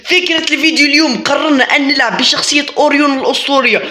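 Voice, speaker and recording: A man with an Algerian accent giving excitable gameplay commentary, shouting and making gunfire noises with his mouth. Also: very high-pitched, rapid-fire. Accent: Algerian Arabic. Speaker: gaming channel host.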